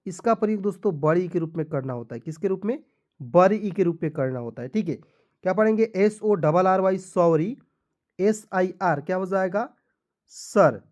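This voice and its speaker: A man's voice: sits high, a little mellow. Patient man teaching beginners. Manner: asks questions and answers them himself, spells words letter by letter; patient, repetitive explaining. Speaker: English teacher. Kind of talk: spoken lesson for beginners.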